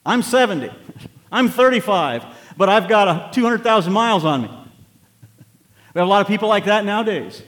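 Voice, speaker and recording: A man approaching sixty preaches a sermon with a fairly high voice. He starts out conversational and builds to emphatic exhortation. His words hang in the long reverb of a church sanctuary. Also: animated, fairly quick, long pauses, fairly bright tone. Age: 50s. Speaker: pastor.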